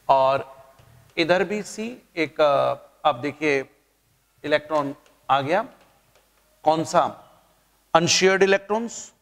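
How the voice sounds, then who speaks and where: Male chemistry teacher, high and very animated, joking through a lecture in a reverberant room. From India. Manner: playful, chatty teaching with jokes and asides. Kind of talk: classroom lecture.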